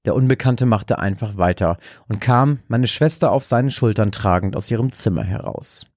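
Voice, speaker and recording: A man narrating a dark horror story in a slow, measured way. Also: on the low side, no echo, studio quality. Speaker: podcast host and story narrator.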